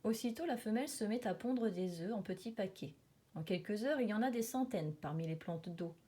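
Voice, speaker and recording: A woman reads a children's nature documentary book aloud as an expressive storyteller, dramatically emphasizing repeated words and sound words. Her medium-pitched voice is slightly rough and her pace brisk.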